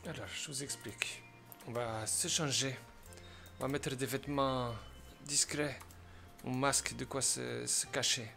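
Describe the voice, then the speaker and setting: A man with a gravelly, creaky voice plays a mafia boss in a game role-play, speaking with a put-on Italian accent. He talks in a calm, commanding way and lays out each step of the plan. Clear music plays behind him. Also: medium pitch, unhurried. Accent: fake Italian accent.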